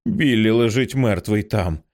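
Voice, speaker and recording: A man voicing a terrified young woman who shouts in panic. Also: fairly low pitch, measured pace, lightly acted. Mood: shaken.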